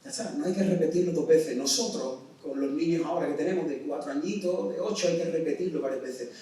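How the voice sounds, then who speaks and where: Man, Spanish accent, preacher, animated sermon, somewhat high voice, distant, echoey hall. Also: fast. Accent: Spain. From Spain. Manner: animated, acts out parents' orders in a raised voice. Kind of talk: sermon to young people. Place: large hall at a summer camp.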